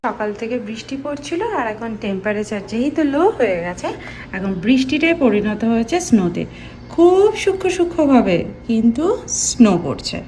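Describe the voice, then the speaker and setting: A woman's voice: fairly high pitch, very animated, moderate pace, a little hiss or hum. Chatty Bengali woman vlogging at home. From India. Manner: chatty, explains cooking tips step by step; speaks softly so as not to disturb others. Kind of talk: casual home vlog chat.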